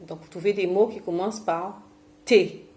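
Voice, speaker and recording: A woman's voice: lowish voice, steady tone, fairly quick, warm tone. A woman from Guadeloupe leading a memory and movement exercise for seniors at home. She talks in a chatty, hesitant way, full of fillers and restarts, and films herself on a camera mic. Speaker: senior fitness and memory instructor. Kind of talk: instructional talk to seniors at home. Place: home, self-filmed.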